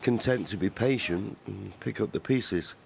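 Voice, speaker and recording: A man analyses live snooker in a low, creaky voice. The broadcast is noisy, with the arena crowd clearly audible. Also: moderate pace. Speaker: snooker co-commentator. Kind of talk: live analytical sports commentary.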